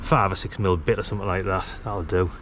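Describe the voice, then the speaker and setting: Low-pitched yet a bit bright, this British man talks fast with fairly even intonation, giving a casual DIY tutorial while he works. The vlogger and radio hobbyist is outdoors at the brick wall of a house, and the clear recording carries outdoor work sounds.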